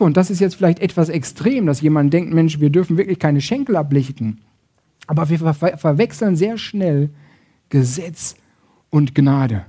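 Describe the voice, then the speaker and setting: A man preaching a sermon, switching between loud emphasis and soft, intimate passages, acting out quoted voices and often adding "ne?". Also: sits high, husky. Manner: acts out quoted voices, uses tag question "ne?".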